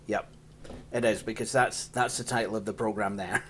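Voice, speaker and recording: A man's voice: on the low side, steady tone, moderate pace, a bit bright, a little hiss or hum. A Scottish man casually walking through an old operating system, rambling and poking fun at himself, laughing often. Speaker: tech channel host. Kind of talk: casual hands-on software walkthrough.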